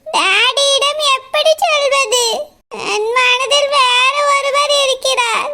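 Woman voicing a tearful cartoon girl, super high thin voice, bright and sharp. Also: slow, full character voice. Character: tearful young woman torn over arranged marriage. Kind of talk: cartoon voice acting.

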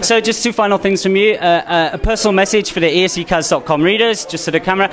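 A man interviewing musicians in a small indoor room on a handheld mic, eager and quick with frequent restarts. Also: high-pitched, a bit bright. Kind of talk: quick, upbeat interview questions.

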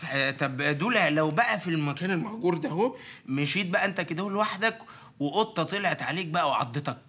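A man's voice: fairly high pitch, expressive, fast talker, sharp tone, slightly rough, exaggerated voice. An actor with an Egyptian accent playing a dim-witted young man who was bitten by a dog, stammering and whiny. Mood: silly. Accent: Egyptian Arabic. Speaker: Ramzi, the friend bitten by a dog. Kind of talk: sitcom acting. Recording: TV sitcom audio with background noise.

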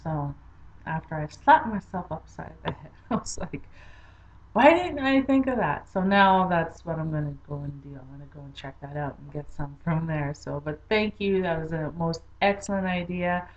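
A woman's voice: low-pitched, normal speed, lo-fi sound. A woman from Saskatchewan chatting casually to her channel as a vlogger, upbeat and rambling with fillers. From Saskatchewan, Canada. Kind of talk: casual chat to camera.

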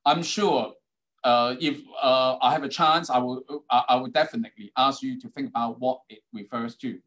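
A middle-aged university dean with a Hong Kong accent, whose first languages are Cantonese and Putonghua, delivers an online keynote over a video call with many ums and uhs. His medium-pitched voice is steady and a bit bright, and he speaks at a normal speed.

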